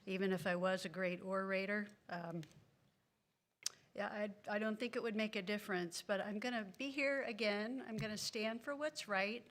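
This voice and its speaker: Bright-voiced, indignant woman at a podium. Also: mid-range voice, fairly even intonation, moderate pace. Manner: indignant, earnest, apologetic asides. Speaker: public commenter. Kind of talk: public comment at a city council meeting. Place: city council meeting room.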